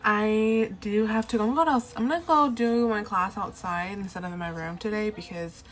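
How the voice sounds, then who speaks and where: A young woman talks straight to her camera at home, chatting about her day in a loose, meandering way. Her voice is still raspy from just waking up, and she leans on lots of "um"s and "like"s as she restarts her thoughts. Her pitch sits in an ordinary middle range. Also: brisk, poor audio. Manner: rambling, many fillers and restarts. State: raspy morning voice. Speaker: vlogger. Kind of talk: casual vlog chat. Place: at home, indoors.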